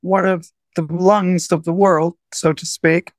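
Woman guest, earnest and explanatory, mid pitch, dry sound. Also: fairly even intonation, slow pace, dry recording. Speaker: guest, project founder. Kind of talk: interview conversation.

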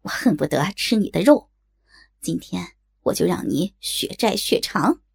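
A woman doing a sneering, shrill outlaw man. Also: very animated, normal speed, vocal fry, a little mellow, husky, dry recording, clean studio sound, full character voice. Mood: furious. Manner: sneering, taunting, cackling. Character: vicious, mocking, shrill-voiced man, a vengeful outlaw.

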